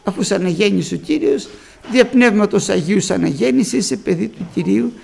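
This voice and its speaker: Fervent older male preacher, gravelly voice. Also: high-pitched, animated, darkish tone. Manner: fervent, repeats phrases, often calls out to the congregation as brothers. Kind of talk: Pentecostal sermon with personal testimony.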